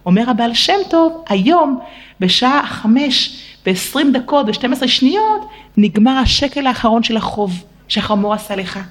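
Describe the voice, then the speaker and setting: A middle-aged woman telling a sermon story to girls, leaping high and slow into quoted and prayed lines, tearful at times. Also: big pitch swings. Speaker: religious teacher addressing girls.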